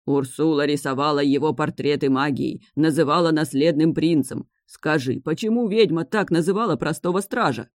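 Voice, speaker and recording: Brief: reader playing a vengeful sea king, slow, growling, dry close sound. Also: on the high side, dry recording, natural voice. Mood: tearful. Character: furious grieving male sea king, vengeful.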